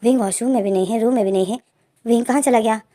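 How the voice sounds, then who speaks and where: A woman's voice: on the high side, fast talker, dark tone, natural voice. A woman voicing a playful, mischievous young man who teases and sweet-talks in a read-aloud story. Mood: worried.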